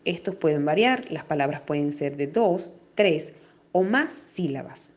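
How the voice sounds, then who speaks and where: A woman teacher giving a recorded distance-learning lesson to children, speaking slowly and clearly and stressing syllables as she explains. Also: deep voice, expressive. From Venezuela. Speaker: primary school teacher.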